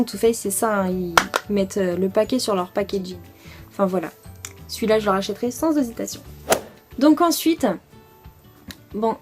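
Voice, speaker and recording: A young French woman chatting casually through a makeup product review, enthusiastic and full of fillers. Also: medium pitch. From France. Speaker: beauty vlogger.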